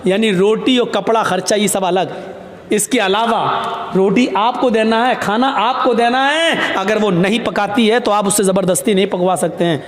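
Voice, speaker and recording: A male Islamic preacher delivers a sermon with animated, humorous storytelling. His voice sits high for a man. The sound carries a strong echo from the room. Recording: echoey room.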